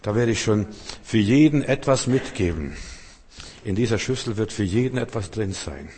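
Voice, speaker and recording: A man preaching a sermon to his congregation, fervent, moving between soft, quiet passages and loud, emphatic appeals. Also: lowish voice, lively intonation, moderate pace, a little hiss or hum. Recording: long hall reverb.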